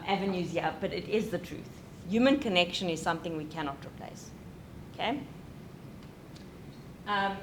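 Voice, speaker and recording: A young woman speaking to an audience about parenting, her pitch sitting in a normal middle range. She is animated and chatty and keeps checking in with the listeners. A faint rumble runs under the recording. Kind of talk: lecture.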